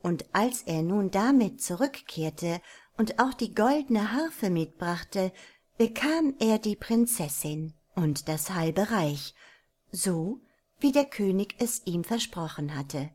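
A woman narrates a folk tale aloud at a very unhurried pace. Her medium-pitched voice stays calm and measured. She tells the story as a storyteller reading from a book.

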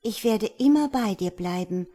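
A woman's voice: animated, moderate pace, dark tone, lightly acted. A woman reading a fairy tale aloud and voicing a kind-hearted, loyal little female swallow in a raised, pleading voice. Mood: tender. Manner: high pleading storytelling voice.

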